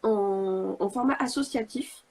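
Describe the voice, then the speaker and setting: A woman's voice: mid-range voice, measured pace, darkish tone. A woman hosting a live video interview, asking polite, hesitant questions. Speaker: host.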